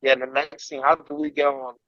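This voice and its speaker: A man's voice: on the high side, level tone, a little fast, sharp tone, no echo, lo-fi sound. A man from Liberia, a student asking a question and rephrasing it again and again. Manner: repeats and rephrases his question.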